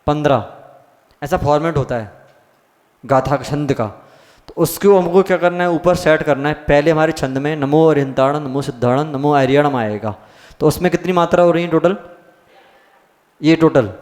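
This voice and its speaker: A man's voice: a little high, a little mellow. Man teaching, echoing in a hall. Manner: asks the class questions, explains step by step. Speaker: Jain monk teaching scripture class. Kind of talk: scripture lesson. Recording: long hall reverb.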